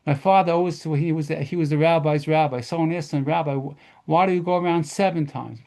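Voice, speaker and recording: Man, rabbi, storytelling lesson, lively, mellow tone, fairly high voice. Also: a little fast. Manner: lively storyteller, mixes in Hebrew terms. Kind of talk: storytelling lesson at a model seder.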